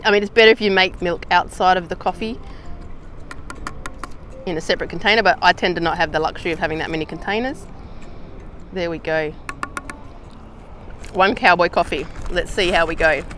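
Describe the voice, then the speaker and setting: An Australian woman vlogging outdoors in a casual how-to chat, slangy and relaxed with easy laughs. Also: on the low side, brisk, pauses often, slight background noise. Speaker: hiking vlogger.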